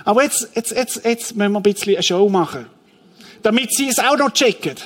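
Lively high-voiced preacher. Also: male voice, brisk. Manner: lively storytelling preacher, acts out the scene. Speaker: pastor. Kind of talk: sermon.

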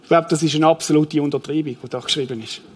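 Lively high-voiced preacher. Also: male voice, quick pace, slightly rough. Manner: lively storytelling preacher, acts out the scene. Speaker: pastor. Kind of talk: sermon.

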